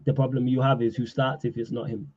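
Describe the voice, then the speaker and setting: A man's voice: mid-range voice, little pitch movement, fast, a little mellow, highs cut off. A man joining a casual football chat as a guest, laid-back and quizzing his co-host.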